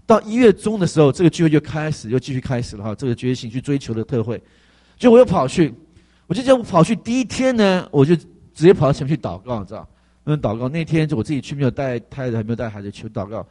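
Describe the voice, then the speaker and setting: A male pastor giving a conversational testimony sermon, animated and full of fillers. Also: medium pitch, fast talker.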